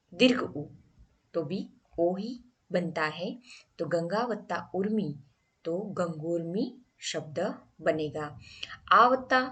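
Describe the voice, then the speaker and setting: Woman teacher, slightly low voice, slow deliberate step-by-step grammar lesson. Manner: slow, explaining step by step with questions to the class.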